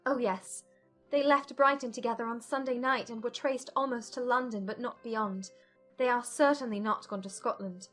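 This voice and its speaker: Actress as distraught young gentlewoman, high-voiced. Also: steady tone, moderate pace, soft background music. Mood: distressed, hopeless. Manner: agitated, emotional, formal. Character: distraught young gentlewoman, anxious and self-reproaching. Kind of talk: dramatized audiobook period dialogue.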